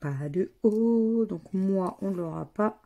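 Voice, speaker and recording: A woman's voice: medium pitch, slow pace, phone-quality sound. A woman, casually commenting as she scratches lottery tickets and spells out letters and words one by one. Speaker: scratch-card vlogger.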